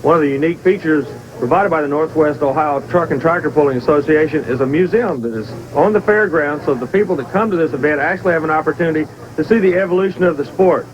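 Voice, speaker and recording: A male tractor pull announcer with a high voice and a quick pace. He reports from trackside in a folksy, enthusiastic way, with clear engine noise around him. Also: highs cut off. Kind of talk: energetic sports commentary and interviewing.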